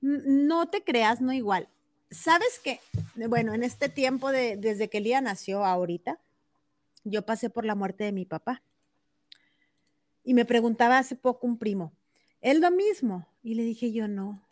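A woman co-host chats casually and emotionally, often acting out what others said to her. Her voice sits somewhat high. The sound is close and dry, with no room behind it. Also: measured pace, dry recording. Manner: emotional, animated retelling with quoted dialogue. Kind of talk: casual chat.

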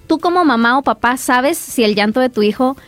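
A woman's voice: high voice, animated, brisk, no echo. A woman psychologist, a guest on an interview show, explaining parenting advice and acting out little parent-child dialogues, with frequent restarts.

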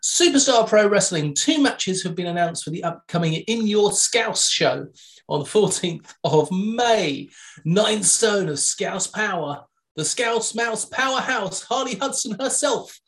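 A woman co-hosting a podcast, briskly reading match lists with dry jokes in a casual news roundup. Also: mid-range voice, lively intonation. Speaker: podcast co-host.

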